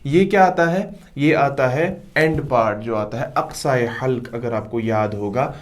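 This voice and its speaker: A man teaching Quran letter pronunciation who drills each sound slowly and loudly, then explains it more softly. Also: medium pitch. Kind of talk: slow tajweed lesson with drilled recitation.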